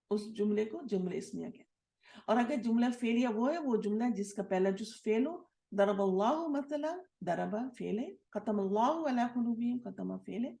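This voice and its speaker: A woman's voice: fairly high pitch, creaky, mellow, reverberant. A woman teaching an Arabic grammar lesson in Urdu, explaining step by step and asking and answering her own questions, with English words mixed in. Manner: recites opening prayers. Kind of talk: classroom lesson.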